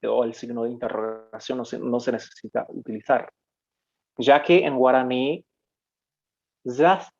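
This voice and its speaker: A man from Paraguay teaching a live online language class. He talks slowly and patiently, explaining each point and stopping to correct himself. The recording sounds a bit dull and lo-fi. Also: medium pitch, a little mellow. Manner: explanatory, with frequent fillers and self-corrections. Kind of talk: live online lesson, reading comments.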